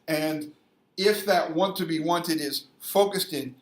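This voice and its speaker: A man's voice: on the high side, slow pace. A man in a casual debate, explaining religious values emphatically and repeating phrases to press his point. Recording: echoey room.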